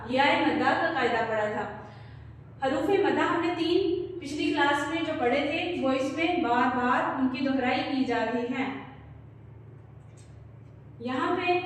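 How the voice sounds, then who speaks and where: Patient, high-voiced woman tajweed teacher. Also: a little hiss or hum. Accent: Urdu. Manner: slow, patient, models recitation for pupils to repeat. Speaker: Quran recitation teacher. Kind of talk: tajweed lesson for children. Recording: echoey distant room recording.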